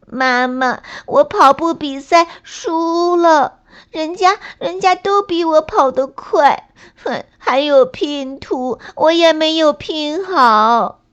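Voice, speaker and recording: A woman's voice: high-pitched, lively intonation, measured pace, pitched above the performer's own voice. A woman voicing a boastful, lazy little girl rabbit in a storybook, with a bouncy, childish way of bragging. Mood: crying. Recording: slightly dull lo-fi recording.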